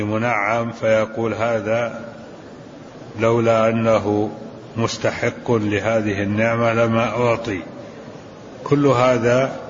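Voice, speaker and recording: A man teaching a lesson as a sheikh, explaining a classical text calmly, repeating phrases and saying "na'am" to move on. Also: on the low side, slight background noise. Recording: dull recording with long hall reverb.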